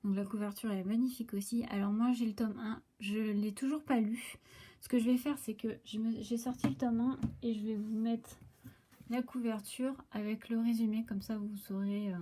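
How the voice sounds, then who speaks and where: French woman, booktuber, warm higher voice, halting casual delivery with lots of fillers. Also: fairly even intonation. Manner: hesitant, many fillers and restarts. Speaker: booktuber presenting new book releases. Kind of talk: casual chat to camera. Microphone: phone.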